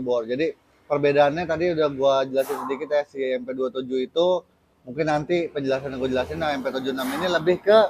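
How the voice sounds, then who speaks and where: A man with a Jakarta Indonesian accent and a husky voice, hosting a casual, slangy product review as if chatting with buddies. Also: fairly high pitch, a little mellow, a little hiss or hum, poor audio. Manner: slangy, chummy address to viewers. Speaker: host of a tyre review channel. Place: busy tyre workshop.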